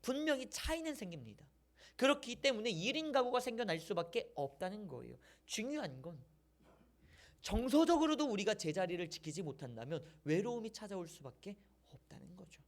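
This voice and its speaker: Lively male pastor asking rhetorical questions. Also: high-pitched, brisk. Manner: conversational preaching with rhetorical questions. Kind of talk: sermon.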